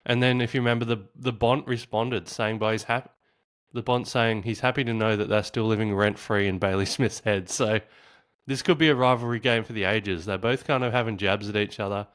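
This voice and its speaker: A man's voice: lowish voice, steady tone, a little fast, fairly bright tone, clear, resonant tone. An Australian man hosting a fantasy football channel, talking casually and chattily to his viewers, laughing at himself now and then. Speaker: fantasy football podcast host. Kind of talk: solo casual commentary to camera.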